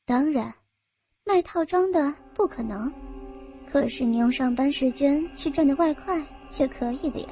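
A woman's voice: high-pitched, moderate pace, dark tone, faint music behind, lightly acted. A woman voicing a cold, sneering female sales manager of about forty, speaking in a mocking, scolding way.

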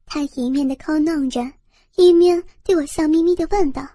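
A woman narrating a first-person story in a steady, intimate reading voice. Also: high-pitched, normal speed, no room sound, clean studio sound.

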